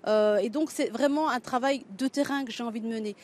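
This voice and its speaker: A woman's voice: a little high, fairly quick, darkish tone. A middle-aged Belgian woman, a writer and local candidate, answering interview questions thoughtfully with many hesitations and restarts.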